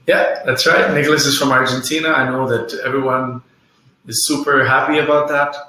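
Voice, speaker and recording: A man's voice: mid-range voice, steady tone, normal speed, pushed and bright. A man hosting a webinar, chatting in an upbeat way and reading out viewers' messages. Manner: chatty, upbeat, reads chat aloud. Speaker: webinar host. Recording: echoey room with faint noise, webinar audio.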